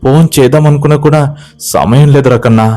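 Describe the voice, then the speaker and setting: A man's voice: medium pitch, fairly quick, mellow, faint music behind, voice pushed up, natural voice. A man voicing a playful young village woman in a spoken ghost story. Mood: coaxing. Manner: playful, scolding and coaxing.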